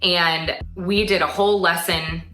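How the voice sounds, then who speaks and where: A woman's voice: fairly low pitch, steady tone, measured pace. A woman in her twenties, a teacher, speaking thoughtfully and carefully about a memory. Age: 20s. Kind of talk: personal testimony to camera. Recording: echoey room, soft music behind.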